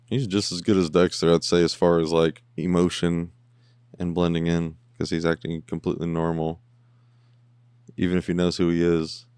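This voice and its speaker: A man hosting a podcast, giving chatty, excitable reaction commentary while watching an episode, swearing casually. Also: deep voice, moderate pace, clear, resonant tone, dry recording.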